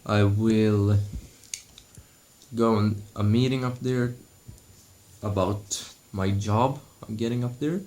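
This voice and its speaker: Slow, low-voiced young man vlogging at home. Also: fairly even intonation, a little mellow. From Sweden. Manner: slow and halting, with many restarts. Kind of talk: casual vlog. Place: at home indoors.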